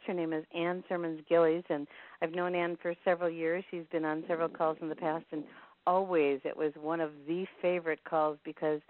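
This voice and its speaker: A host giving slow, gushing introductions on a teleconference call. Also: mid-range voice. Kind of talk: teleconference hosting. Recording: tinny phone line.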